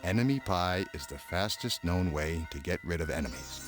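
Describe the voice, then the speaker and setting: A man acts out a storybook dad with a very low, hushed voice. He is calm and sly, confiding his secrets deliberately, as if letting his child in on a plan. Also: over music. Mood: secretive, assured.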